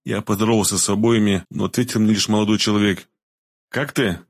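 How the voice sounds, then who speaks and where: A man reading a first-person audiobook narration in a calm, matter-of-fact way. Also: on the low side, quick pace, no room sound, clean studio sound.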